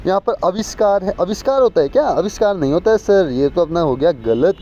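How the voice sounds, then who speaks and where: A man teaching an exam-prep spelling lesson, repeating words and quizzing viewers with quick questions. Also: sits high, animated, mellow. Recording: muffled lo-fi with faint street noise.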